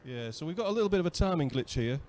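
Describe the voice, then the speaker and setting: A man's voice: a little high, animated, racing, a little mellow, a little hiss or hum. A man with a British accent doing live race commentary, chatty and asking his co-commentator questions. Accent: British English.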